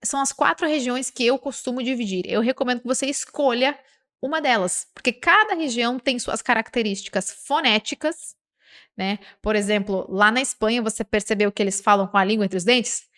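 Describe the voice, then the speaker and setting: Brazilian woman teaching, slow examples. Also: a little high. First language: Portuguese. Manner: slow, drawn-out example words with lively asides. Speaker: Spanish teacher. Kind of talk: language lesson.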